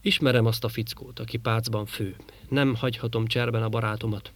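A man voicing a gruff, grumbling male space trader in an audiobook reading. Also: medium pitch, fairly even intonation, natural voice. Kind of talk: audiobook character voice.

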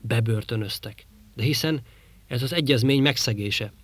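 A man's voice: medium pitch, dry recording, close to an everyday voice. A man voicing an easygoing, curious young male trader in an audiobook reading. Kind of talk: audiobook character voice.

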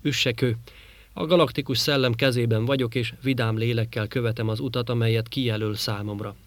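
A man voicing a gruff, grumbling male space trader in an audiobook reading. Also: medium pitch, fairly even intonation, natural voice. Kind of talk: audiobook character voice.

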